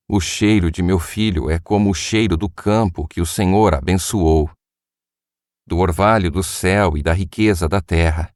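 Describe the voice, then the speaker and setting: A man's voice: deep voice, darkish tone, no room sound, studio quality. Old Isaac, as a man reads him, solemn and grave. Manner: solemn, measured.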